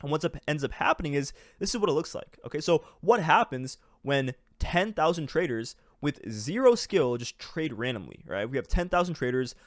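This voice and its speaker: Young man, fast talker, rambling and excitable, lots of fillers, dry close sound. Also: mid-range voice, dry recording. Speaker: trading educator. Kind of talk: casual screen-share explainer.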